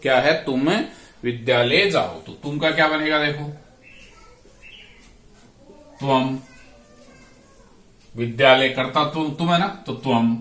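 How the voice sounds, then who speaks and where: A man's voice: medium pitch, a little slow, fairly bright tone. A man teaching Sanskrit grammar, drawing out each word and repeating verb forms aloud. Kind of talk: slow classroom explanation. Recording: echoey room, voice from a distance.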